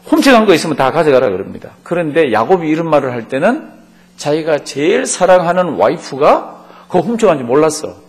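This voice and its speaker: A male pastor teaching a Bible class with a lively, swooping delivery. His voice sits a bit higher than most men's. He acts out quotes and throws questions to the class. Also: fairly quick. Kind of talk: Bible study lecture. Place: church classroom.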